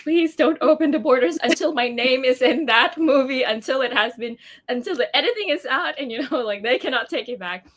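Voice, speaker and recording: A young Filipina actress talks at length as a guest in a casual interview chat, using many fillers and laughing often. Her voice is on the high side with a fairly bright tone.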